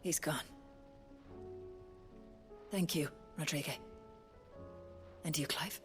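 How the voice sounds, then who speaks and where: An actress playing a weary, grieving young woman healer who speaks quietly and steadily in a game scene. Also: low-pitched. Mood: somber. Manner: quiet, measured, somber. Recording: game audio with clear music behind.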